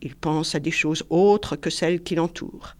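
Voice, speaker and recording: Reader: woman, literary excerpt, measured and expressive delivery. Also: low-pitched. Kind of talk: literary reading.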